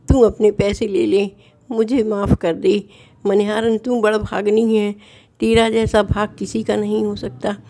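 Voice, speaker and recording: A woman's voice: mid-range voice, mellow, slight background noise. A woman doing a weeping, remorseful merchant. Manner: tearful pleading apology. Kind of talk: devotional storytelling.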